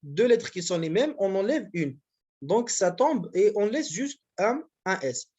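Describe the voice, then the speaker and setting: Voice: medium pitch, sing-song, measured pace, darkish tone, husky. University teacher, classroom grammar lesson, patient repetitive explaining. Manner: patient, repetitive explaining with frequent check-ins.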